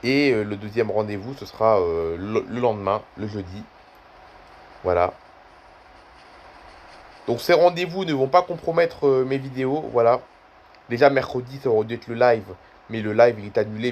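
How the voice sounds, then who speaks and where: A man's voice: medium pitch, normal speed, a little mellow, slight background noise. Rambling young man, casual vlog. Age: 20s. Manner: rambling, repeats himself often. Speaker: YouTuber.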